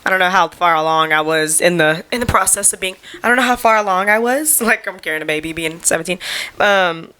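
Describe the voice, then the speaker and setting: A woman's voice: lowish voice, brisk, sharp tone, clear, resonant tone. A young adult woman hosting her own podcast at home, chatting in a loose, rambling way, full of "like" and casual slang. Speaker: podcast host. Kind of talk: casual solo podcast chat. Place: at home in front of a camera.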